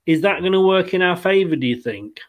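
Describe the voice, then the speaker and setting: A man's voice: high voice, expressive, brisk. A man hosting a fan football show, chatting casually in an apologetic, talkative way.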